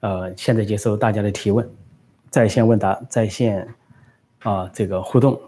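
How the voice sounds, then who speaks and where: A man's voice: fairly low pitch, fairly even intonation, normal speed, warm tone, husky. A man giving political commentary and answering live questions, talking conversationally with many fillers.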